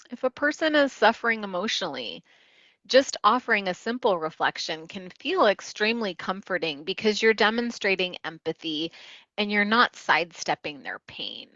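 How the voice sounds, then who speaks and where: A woman's voice: mid-range voice, no room sound, highs cut off. A woman wellness coach giving an instructional talk, explaining a technique step by step and acting out short client quotes. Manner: warm explanatory teaching, acts out client quotes.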